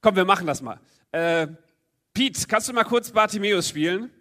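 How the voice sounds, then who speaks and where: A man with a high-pitched, sharp voice preaches a sermon at normal speed, reading a Bible story aloud. He acts out the crowd and the characters' voices and invites the congregation to join in.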